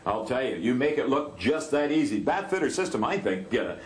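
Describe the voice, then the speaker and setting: A man's voice: mid-range voice, sing-song, brisk. An older man, hosting a home renovation show and chatting casually with tradespeople on site. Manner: folksy, upbeat, talks to the viewers as folks. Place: house under renovation, indoors.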